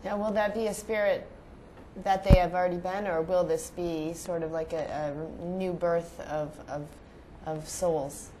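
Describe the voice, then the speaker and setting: A woman's voice: on the low side, steady tone, a little slow, mellow, slight background noise, low-quality recording. A woman taking part as a questioner, asking things in a casual, conversational way. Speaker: audience questioner at a channeling session.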